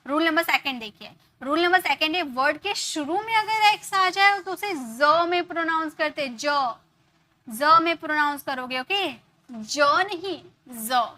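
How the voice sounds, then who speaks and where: Bright, high-voiced woman teaching English. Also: moderate pace, dry recording. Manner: explains step by step, repeats example words, checks in with "ok". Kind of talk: online grammar lesson.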